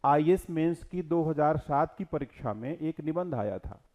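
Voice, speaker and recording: A man's voice: fairly high pitch, lively intonation, moderate pace. Man lecturing with rhetorical questions. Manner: rhetorical questions, quotes verses, swings between loud and soft. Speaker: teacher. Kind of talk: exam-prep lecture on scripture.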